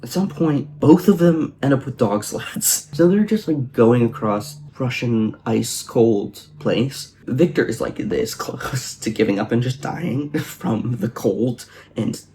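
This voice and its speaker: A man's voice: medium pitch, expressive, slow, few pauses, warm tone, slight background noise. A man giving a casual book recap, sarcastic and profane, using "like" a lot. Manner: sarcastic, profane, heavy use of "like". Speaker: book reviewer.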